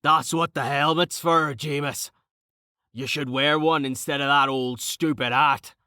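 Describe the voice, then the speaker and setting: A man voicing a brash, burly male warrior who jokes crudely and swears with rough slang, in an audiobook. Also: a little high, steady tone, measured pace, bright, forceful tone, dry recording, studio quality, voice pushed up. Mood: boisterous.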